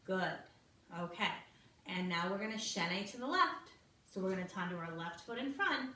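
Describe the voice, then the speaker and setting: Slow, encouraging ballet teacher in a roomy space. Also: female voice, mid-range voice, pushed and bright. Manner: slow, encouraging, counts and names steps while demonstrating. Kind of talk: online kids' ballet class instruction. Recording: roomy, from a distance, faint noise.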